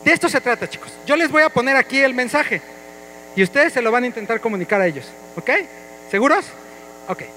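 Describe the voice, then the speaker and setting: A man, a pastor leading an energetic, playful interactive sermon with his congregation in a church. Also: extremely high pitch, fairly quick, slight background noise, low-quality recording. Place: church hall.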